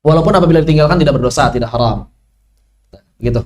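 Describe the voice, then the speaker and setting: A man's voice: on the high side, quick pace, darkish tone. A man teaching Quran recitation rules in an online lesson, asking questions and answering them himself.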